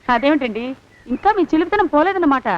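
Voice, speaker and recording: A woman's voice: sits high, expressive, fast. An actress playing a pushy, coy woman who insists she was his wife in a past life. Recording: dull film soundtrack, faint noise.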